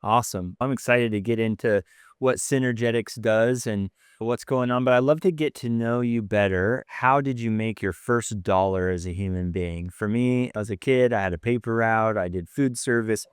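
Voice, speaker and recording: A male podcast host talks in a chatty, enthusiastic way. His voice is low and smooth, and the recording is dry. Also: moderate pace, dry recording. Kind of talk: interview podcast.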